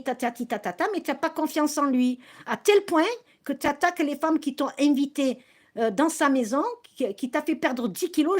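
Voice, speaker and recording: A woman ranting to her viewers on a live stream, angry and accusing, often stumbling and restarting her sentences. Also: high voice.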